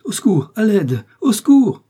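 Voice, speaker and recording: A man voicing a frightened male servant in a read-aloud novel, shouting in panic. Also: mid-range voice, big pitch swings, moderate pace, breathy edge. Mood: panicked.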